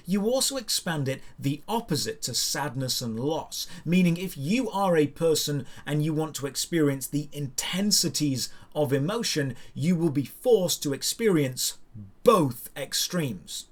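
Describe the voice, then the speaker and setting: As a show host, a man delivers scripted opinion commentary in an emphatic, rhetorical style with deliberate stresses. His voice is on the high side.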